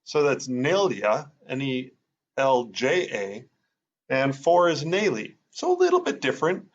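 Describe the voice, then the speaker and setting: A man's voice: medium pitch, big pitch swings, measured pace. Man teaching, thinking aloud, dull sound. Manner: thinking aloud, many fillers, sounding out words. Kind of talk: casual explanatory lesson.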